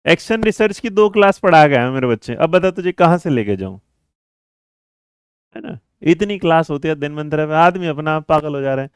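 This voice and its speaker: A man's voice: fairly high pitch, clear, resonant tone, no echo, clean studio sound. A man teaching a live online exam-prep class, quizzing students, coaxing them along and answering their chat messages. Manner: brisk, coaxing, calls students 'beta' and 'mere bachche'; reads and answers chat messages mid-lesson.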